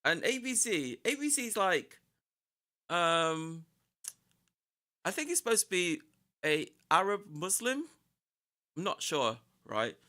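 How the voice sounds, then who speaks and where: A woman's voice: lowish voice, sing-song, slow, long pauses, pushed and bright. A woman with a boyish voice chatting casually on a livestream, rambling and often repeating or breaking off her phrases. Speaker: live streamer.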